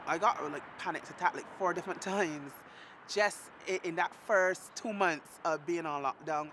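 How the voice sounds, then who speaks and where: A woman from Barbados, speaking in a documentary interview, emotional and halting, laughing softly through hard memories. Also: fairly low pitch, noisy background.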